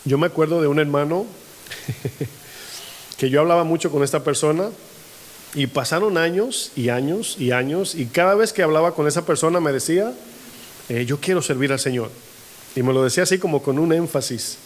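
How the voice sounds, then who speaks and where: A man's voice: a little high, brisk. A male pastor preaching a sermon. He keeps asking his congregation questions and acts out quoted voices in a rising tone. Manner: asks the congregation frequent call-and-response questions. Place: church hall.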